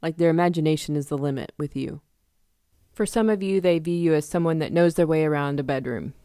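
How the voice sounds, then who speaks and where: A woman giving a casual tarot reading to her viewers, chatty and quick to laugh, acting out little examples. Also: sits low, warm tone, no room sound, clean studio sound, faint music behind. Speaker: tarot reader.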